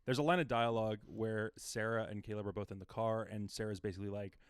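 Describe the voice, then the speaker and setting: A man's voice: fairly low pitch, fairly even intonation, fast talker, smooth, no echo, studio quality. A young man co-hosting a podcast, retelling a movie plot animatedly and acting out its lines. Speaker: podcast co-host. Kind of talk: casual chat.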